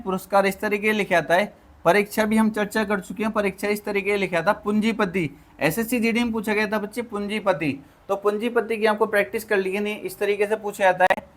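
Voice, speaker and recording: A man teaching an online Hindi spelling lesson for exam prep, who repeats each word, keeps calling his students children, and asks and answers his own questions. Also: high-pitched. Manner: drills by asking and answering himself.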